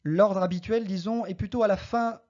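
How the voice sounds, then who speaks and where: Language teacher, mid pitch, mellow, careful and explanatory, lo-fi dull sound. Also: fairly even intonation. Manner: slow, careful, models Latin pronunciation then explains it. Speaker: Latin teacher. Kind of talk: recorded language lesson.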